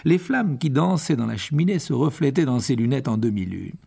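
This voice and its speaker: A male audiobook narrator reading in a measured, expressive way. His voice is gravelly and a little husky, and it moves around a lot in pitch. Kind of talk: scripted narration.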